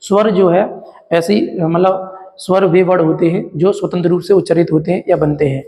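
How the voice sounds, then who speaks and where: A man's voice: sits high, fairly even intonation, moderate pace, dark tone, long reverb tail. A man teaching a Hindi exam-prep lesson from a diagram, repeating each term as a question and answer to his students. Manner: addresses viewers as friends, explains with a diagram.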